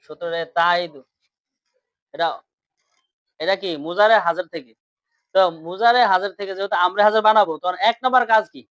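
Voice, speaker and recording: A man's voice: high-pitched, a bit bright, smooth, no room sound, muffled recording. A man teaching grammar in class, repeating points and quizzing his students questions.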